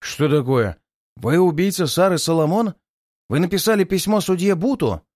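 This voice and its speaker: A man reading aloud and voicing a stern middle-aged police inspector who speaks in brisk, pointed questions. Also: on the high side, big pitch swings, a little mellow, no room sound, studio quality. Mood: questioning.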